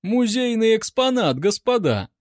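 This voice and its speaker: Man voicing a young officer, gleeful, excited exclaiming, high voice, lively swings. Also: slow pace, no echo, clean studio sound, heavily acted. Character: gleeful young male cavalry cornet.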